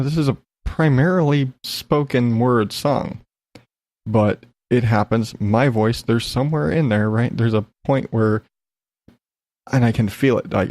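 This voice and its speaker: Slightly stuffed up while getting over being sick, a man hosts a solo podcast, giving a loose, candid personal update full of swearing. He speaks on the low side with a gravelly, somewhat dark voice, captured in a dry recording.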